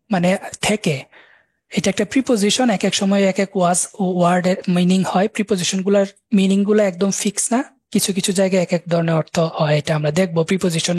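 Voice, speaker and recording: A man's voice: high voice, slightly rough, no echo. Man, Bangladeshi Bengali accent, patient language teacher, spells words out, dry close sound. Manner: patient explaining, spells words letter by letter, mixes in English terms. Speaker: German language instructor. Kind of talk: online language lesson.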